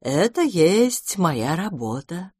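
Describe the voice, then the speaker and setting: A woman voicing a modest, solemn foreign male spy in a storybook reading, with slow, stilted phrasing. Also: on the low side, sing-song, darkish tone, slightly rough, no echo, studio quality, full character voice.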